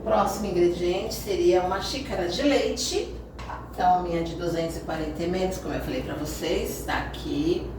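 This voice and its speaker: A Brazilian woman with a lowish voice and Brazilian Portuguese accent speaks a little fast while teaching a cooking lesson in her home kitchen. As a cooking channel host, she explains each step chattily and often checks in with viewers. Background noise is present, and the audio is echoey and distant.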